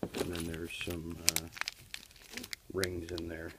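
A low, slow-talking, monotone repairman, an HVAC technician, gives a hands-on tutorial in a plain, practical way with frequent "uh" fillers. He holds the camera while working in a basement furnace area and on a workshop floor, and heavy background noise runs through it.

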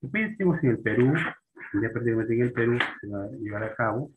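Halting man teaching a class. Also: mid-range voice, expressive, narrow, tinny audio, noisy background. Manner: halting, many fillers and restarts, tag questions after points. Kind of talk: spoken lecture on the history of Spanish.

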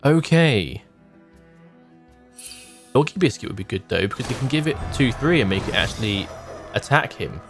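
A game streamer in his thirties gives casual gameplay commentary from a small room at home, thinking aloud in short, musing remarks over background music. His medium-pitched voice swings widely in pitch, moving at normal speed with frequent pauses.

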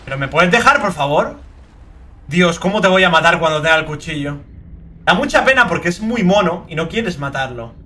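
A young man with a Spain Spanish accent doing let's play commentary, excitable and swearing a lot, with sudden shrieking outbursts. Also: a little high, moderate pace. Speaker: gaming video creator.

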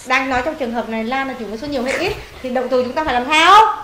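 Woman, English tutor, bright sharp tone, questioning, scolding, teasing, one-on-one lesson, echoey room, faint background hum. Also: sits high, expressive, quick pace. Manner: quizzing, scolding and teasing the pupil. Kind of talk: casual one-on-one homework tutoring.

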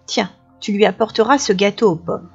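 A woman's voice: medium pitch, moderate pace, husky. A woman voicing a mother who gives her daughter an errand, plainly instructing, in a storybook reading. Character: ordinary mother giving an errand. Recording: dull lo-fi recording, faint music.

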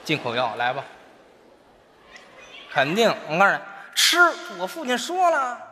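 A man's voice: sits high, huge pitch swings, measured pace, noisy background. A man performing stage crosstalk comedy as a coaxing, bossy straight man. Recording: live hall with faint ambience.

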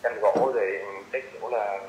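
A man's voice: on the low side, fairly even intonation, fairly quick, darkish tone. Hesitant young man caller. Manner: hesitant, many fillers. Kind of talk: casual phone call. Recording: roomy echo, faint noise.

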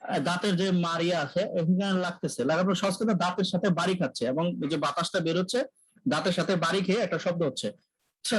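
A man teaching English pronunciation in a live online lecture, drilling sounds by repeating them and often clearing his throat. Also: high-pitched, dry recording, low-quality recording. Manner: clears throat often, self-corrects mid-sentence.

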